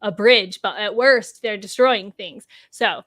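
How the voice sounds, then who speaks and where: A woman hosting a book livestream, talking enthusiastically in a halting way with frequent restarts. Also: mid-range voice, a bit bright, no room sound, clean studio sound. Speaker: livestream host. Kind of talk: casual livestream interview chat.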